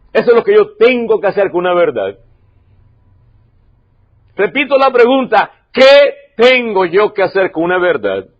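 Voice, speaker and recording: A man preaching a sermon as pastor, emphatic, repeating key lines and swinging from loud to quiet. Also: sits high, muffled recording. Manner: emphatic preaching, repeats key phrases, varies loudness sharply.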